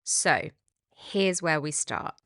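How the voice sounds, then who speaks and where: A British woman in her forties hosts a solo podcast, chatty and playful, leaning on words for emphasis. Her voice sits a little low for a woman, and the sound is close and dry. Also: animated, slow pace, fairly bright tone, no echo. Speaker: dog behaviour podcast host.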